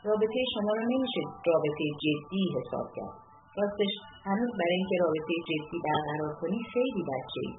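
A woman's voice: fairly low pitch, lively intonation, close to an everyday voice. A careful, probing middle-aged mother, as a woman narrator puts her on. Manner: measured, choosing words carefully. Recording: tinny lo-fi audiobook with music.

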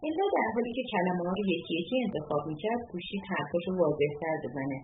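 Expressive woman narrating a story. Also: on the low side, echoey room, noisy background. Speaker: audiobook narrator. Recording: tinny lo-fi audiobook with music.

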